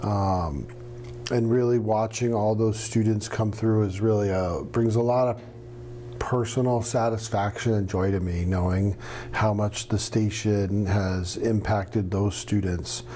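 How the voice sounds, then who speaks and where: A middle-aged man from New Hampshire, a radio professor answering interview questions in a relaxed, storytelling way with some fillers. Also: on the low side, unhurried, a little hiss or hum. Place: studio with green screen.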